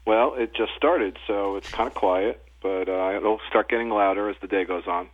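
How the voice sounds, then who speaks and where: Guy calling in over the phone, husky lowish voice, thin tinny line, laid back talk. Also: normal speed, dry recording. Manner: easygoing, talks in loose lists with "you know". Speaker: guest, cannabis journalist and editor. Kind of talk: casual radio interview.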